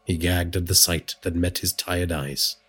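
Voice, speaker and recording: A man's voice: deep voice, measured pace, breathy edge, faint music behind. A man narrating a scripted horror story, telling it dramatically. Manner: dramatic storytelling with lively inflection.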